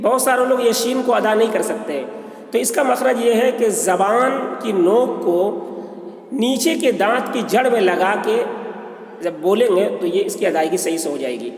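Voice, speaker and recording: Male teacher from India, high-pitched, patient letter-by-letter drill, roomy echo. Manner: drawn-out sung letter sounds between plain explanation. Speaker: Quran reading teacher. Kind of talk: letter pronunciation lesson. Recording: echoey, reverberant room.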